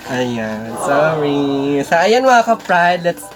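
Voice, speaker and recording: A woman's voice: low voice, big pitch swings, slow. A woman hosting a casual couple vlog, teasing her partner and laughing often. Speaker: couple vlogger, host. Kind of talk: casual vlog chat with viewers. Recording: loud background music.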